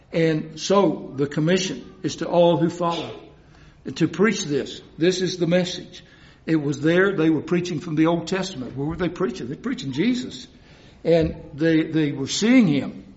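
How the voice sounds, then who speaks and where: A man's voice: high voice, a little mellow. A man preaching a sermon in an earnest way, repeating phrases for emphasis. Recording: dull lo-fi recording.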